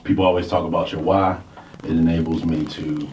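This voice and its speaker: Talking a little fast, a man in his forties uses a low, steady, somewhat dark voice while co-hosting a laid-back radio talk show. Faint hiss and a far-off mic give the studio a roomy sound.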